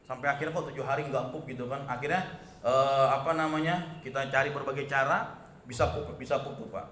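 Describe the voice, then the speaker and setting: A man, preaching a relaxed dawn sermon in a mosque and often turning to his listeners. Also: mid-range voice, a little fast. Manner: chatty, addresses listeners as "Pak" often. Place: mosque hall. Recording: echoey mosque hall.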